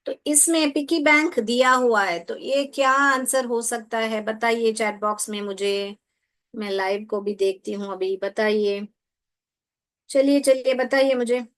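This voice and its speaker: A woman's voice: a little high, measured pace, a bit bright. A woman leading an online teaching workshop, coaxing her audience and spelling out letters one by one. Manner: coaxing, repeats prompts, spells letters aloud. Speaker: teacher trainer.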